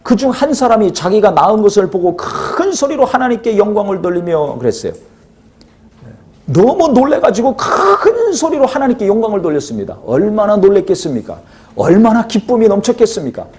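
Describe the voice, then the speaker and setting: Male pastor, sermon delivery, animated swooping intonation, warm mellow timbre, asks the congregation questions. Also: high voice, brisk.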